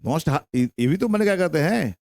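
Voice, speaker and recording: A man's voice: fairly high pitch, expressive, brisk, a little mellow, no echo, clean studio sound. A young man with a Bihari Hindi accent teaching an English grammar lesson to a class, drawing out his words and repeating questions and answers.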